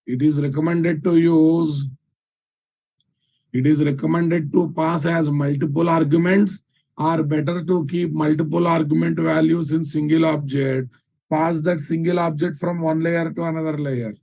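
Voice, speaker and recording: Telugu indian guy teaching a coding class, highish mellow voice, says stuff twice and keeps asking if everyone gets it. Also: fairly even intonation, measured pace, vocal fry, low-quality recording. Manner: repeats phrases for emphasis, checks understanding with questions. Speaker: programming teacher. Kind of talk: live technical lecture.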